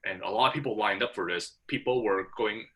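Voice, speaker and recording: A young man from Hong Kong, a student, chats casually with his professor. His slightly low voice still sounds bright and forceful, and he talks briskly while stumbling through lots of fillers and restarts.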